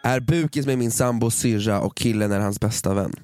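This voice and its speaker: A man's voice: on the low side, a little mellow, slight background noise. A man co-hosting a podcast in casual chat, reading out listener confessions and reacting with short, teasing remarks.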